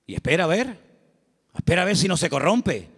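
A man's voice: high-pitched, sing-song, fairly quick, gravelly, a bit bright, breathy edge. A man with a Canarian accent preaching a sermon in a church, emphatic and repetitive with humorous asides. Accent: Canarian Spanish. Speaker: pastor. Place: church sanctuary. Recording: long reverb of a church hall.

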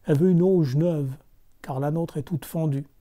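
A man voicing a patient, humble old fisherman in a storybook reading, speaking gently. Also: on the high side, moderate pace, close to an everyday voice.

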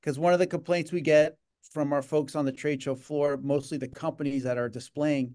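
Here a middle-aged gaming association leader, on a webcam video call from his home office, gives a casual, rambling interview full of fillers and repeated words. He talks a little fast, his voice slightly high and a little mellow, with fairly even intonation.

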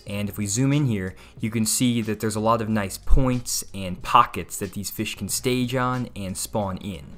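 A young man, giving steady instructional voice-over on bass fishing. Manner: explanatory, steady walkthrough. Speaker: fishing channel host.

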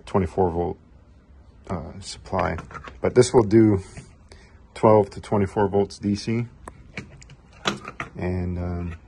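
A middle-aged man talks through a workshop demo in a relaxed, rambling way, full of small fillers. His voice sits low. He is recorded by a camera mic in a garage, with a faint hiss underneath. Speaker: HVAC technician demonstrating a tool. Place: home garage workbench, indoors. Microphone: camera mic, speaker off-frame behind camera.

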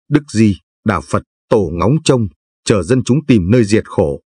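An older man from Vietnam, a Buddhist lay narrator, reciting scripture and verse in a slow, solemn, chanting way with a husky voice. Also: fairly low pitch, a little mellow, no echo.

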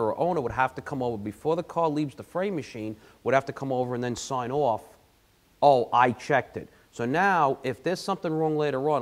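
A man on a repair-industry panel talks through checklists in a chatty, halting way. He stumbles over fillers often, speaking into a handheld mic in a showroom. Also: mid-range voice. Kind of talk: panel discussion. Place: car dealership showroom.

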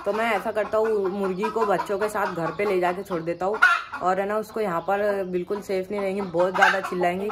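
A man's voice: high-pitched, background noise. A man chatting to viewers in a casual pet vlog by his poultry pens, calling out to his birds now and then. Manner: chatty, keeps addressing viewers as friends; coaxes and scolds the animals loudly. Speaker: pet vlogger. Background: clucking hens and birds.

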